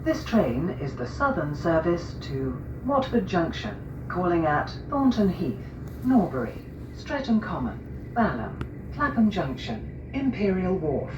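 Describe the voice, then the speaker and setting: A woman's pre-recorded announcement voice with words spliced together, heard over a dull, echoey train loudspeaker some way off. Her pitch runs low but swings widely between the joined clips. Train rumble fills the carriage behind her. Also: recorded from a distance. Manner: measured, even announcement delivery. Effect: spliced-together recorded words and station names. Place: inside a moving train carriage. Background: train noise.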